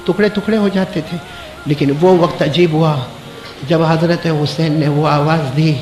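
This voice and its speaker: A man preaching an emotional sermon, wailing as his voice rises high and loud, then drops low, and asking the crowd to answer back. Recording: echoey hall with faint noise.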